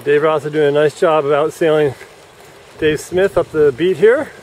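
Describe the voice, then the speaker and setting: A man's voice: a little high, moderate pace, a little mellow. A man giving live, coaching commentary on a sailing race from a dock outdoors, explaining rules as boats pass. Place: outdoors at a yacht club dock. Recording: faint wind noise outdoors.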